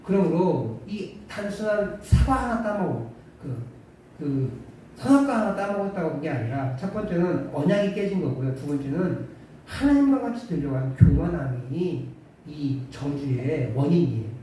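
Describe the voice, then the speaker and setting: Lively, mellow-voiced male pastor. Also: on the high side, normal speed. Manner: conversational, rhetorical questions, dry humor. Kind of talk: sermon. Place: church sanctuary. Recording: echoey church hall from far off, faint hiss.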